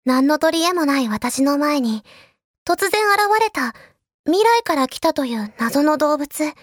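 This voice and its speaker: A woman's voice: sits high, lively intonation, a little slow, no room sound, studio quality. A woman voicing a timid young magical girl heroine narrating a trailer in a wistful way. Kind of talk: anime film trailer narration.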